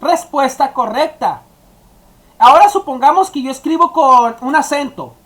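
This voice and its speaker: Woman, teacher, step-by-step coding tutorial, talks straight to students, slightly high voice. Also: moderate pace, fairly bright tone. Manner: explaining step by step, addressing students directly. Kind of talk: screen-recorded coding tutorial.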